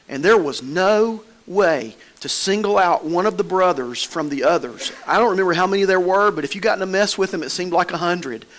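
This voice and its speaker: A pastor with a Southern American accent preaches a sermon in church, his voice high and fairly bright. His delivery is folksy and conversational, full of homespun stories.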